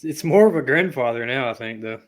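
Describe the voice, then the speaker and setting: A man's voice: medium pitch, animated, a little fast. A man co-hosting a casual sports chat, laughing along and prompting with short remarks. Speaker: co-host.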